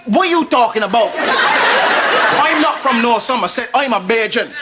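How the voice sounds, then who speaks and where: A man with a Barbadian accent, an architect in a sitcom, touchy and quick with sharp retorts. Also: extremely high pitch, expressive. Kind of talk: sitcom acting. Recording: noisy TV sitcom recording.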